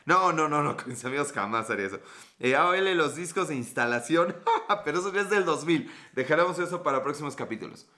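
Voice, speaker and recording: A man's voice: a little high, bright, forceful tone. A man in his thirties with a Mexican accent, hosting a casual, joking live stream and reading out viewer comments. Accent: Mexican Spanish. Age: 30s. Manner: joking, profane, reads out chat comments.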